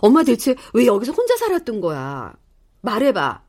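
An emotional, chatty middle-aged daughter. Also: female voice, a little high, huge pitch swings, moderate pace, darkish tone, full character voice. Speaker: daughter reunited with her mother. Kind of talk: audio drama acting.

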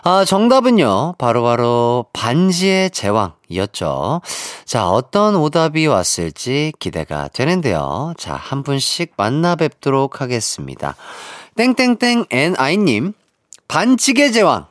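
A man's voice: mid-range voice, huge pitch swings, measured pace, dry recording, studio quality. A man hosting a radio quiz, joking playfully as he reads out listener messages. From Jeolla, South Korea. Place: radio studio. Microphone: studio microphone.

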